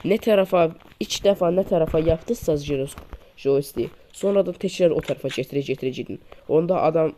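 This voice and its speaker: Speaking briskly, a man casually demonstrates mobile shooter tips over screen recording, going over each one repeatedly for viewers he calls friends. Background noise from loud gunfire and clicks fills his low-quality mic.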